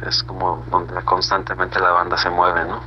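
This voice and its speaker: A Mexican band member with a low, monotone voice is interviewed over a remote internet call, speaking at normal speed. He chats casually in a slangy, rambling way, using frequent tag questions. The video call audio is muffled and noisy.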